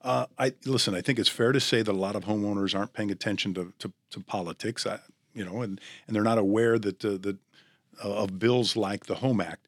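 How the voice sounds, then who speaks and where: A man's voice: fairly low pitch, fairly quick, breathy edge, no room sound, studio quality. A man hosting a podcast, asking hesitant questions and then reading a scripted wrap-up. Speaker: podcast host. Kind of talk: podcast interview and scripted outro.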